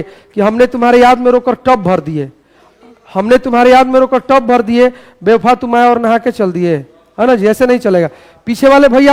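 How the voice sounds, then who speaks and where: A man teaching a class in a classroom, loud and playful, rallying the students with call-and-response. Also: very high voice. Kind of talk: energetic classroom lecture.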